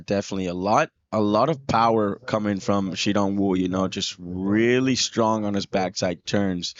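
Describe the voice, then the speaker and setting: A man's voice: on the low side, no echo. Laid-back surfer guy calling a contest live, dry sound, bit muffled. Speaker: surf contest commentator. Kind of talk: live sports commentary.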